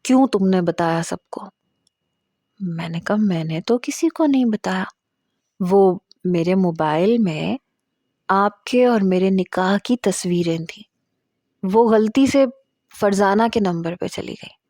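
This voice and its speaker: A woman's voice: mid-range voice, animated, warm tone, dry recording, studio quality. A woman narrating a first-person romance novel in a confiding storytelling manner. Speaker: audiobook narrator.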